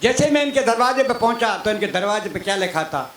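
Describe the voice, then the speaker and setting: An older man performing comic poetry on stage, declaiming loudly and teasing the other poets. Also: sits high, lively intonation, fairly quick, a little hiss or hum. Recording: echoey stage PA sound.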